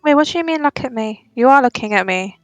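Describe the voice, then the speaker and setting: A woman's voice: high-pitched, lively intonation, fast, dry recording, soft background music. A woman playing a cheerful, oblivious young adventurer girl in a tabletop game, breezy, naive and rambling.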